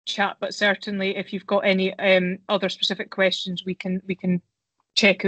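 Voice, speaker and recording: A woman's voice: mid-range voice, level tone, moderate pace, a bit bright, no room sound. Female academic on a webinar, hesitant, ums a lot, dry sound. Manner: hesitant with frequent ums and restarts. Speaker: academic panelist hosting a webinar. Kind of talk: webinar Q&A talk.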